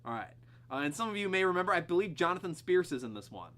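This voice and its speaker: A man's voice: sits high, very animated, fast talker, a bit bright. A man casually reading his own comedy scripts aloud, hesitant and full of filler words.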